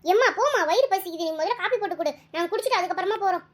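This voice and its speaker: A woman's voice: extremely high pitch, lively intonation, rapid-fire. A woman voicing a young schoolgirl in a cartoon, whining and pleading with her mother. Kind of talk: cartoon voice acting.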